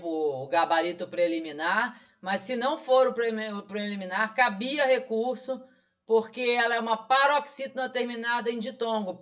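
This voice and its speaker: A man with a Brazilian Portuguese accent teaches an online lesson, solving an exam question by question and repeatedly asking and answering his own questions. His voice is unusually high for a man and a bit bright, and the recording sounds dull and lo-fi.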